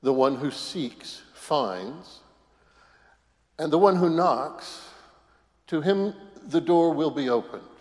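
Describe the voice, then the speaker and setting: Slow solemn man with cathedral echo. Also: fairly high pitch. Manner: measured, solemn, deliberate phrasing. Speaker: clergyman reading the Gospel at Mass. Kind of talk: liturgical scripture reading. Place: large church. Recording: long cathedral reverb from a church.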